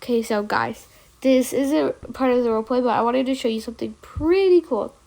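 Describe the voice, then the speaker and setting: A woman's voice: fairly high pitch, a little fast, gravelly, mellow. A young woman who is sick and coughing, narrating a toy role-play in a breathless, panicky way. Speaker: role-play channel creator.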